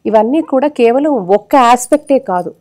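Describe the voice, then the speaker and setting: Mellow-voiced woman giving devotional talk. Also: a little high, lively intonation, normal speed. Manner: earnest, explanatory, shares own experience. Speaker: devotional speaker.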